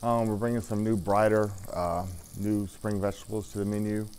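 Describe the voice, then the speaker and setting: A middle-aged man, an executive chef, talking through a dish while cooking at a studio stove, casual and halting with lots of ums. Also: on the low side, fairly even intonation, darkish tone, a little hiss or hum. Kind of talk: cooking demo interview.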